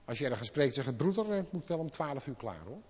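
A man preaching a sermon in speech, impassioned and swinging from quiet asides to loud exclamations. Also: mid-range voice, big pitch swings, quick pace, slightly rough. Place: church hall. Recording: lo-fi with long hall reverb.

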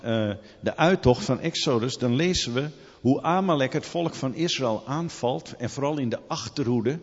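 Husky preacher in a reverberant hall. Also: male voice, mid-range voice. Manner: animated storytelling, rhetorical questions. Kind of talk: sermon. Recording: long hall reverb, dull lo-fi sound.

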